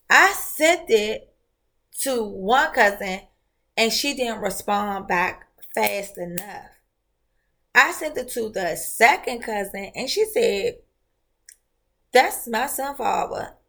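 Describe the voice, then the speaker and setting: A woman podcast host, telling a personal story in a casual monologue and acting out the voices she quotes. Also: on the high side. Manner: animated, expressive storyteller who acts out quoted voices.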